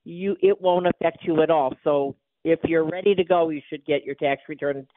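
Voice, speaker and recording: A woman's voice: low voice, moderate pace, no echo. A wide awake, alert woman explaining things as an expert guest in a live radio phone interview. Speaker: guest tax preparer, company chief executive. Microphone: telephone. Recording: narrow tinny phone line.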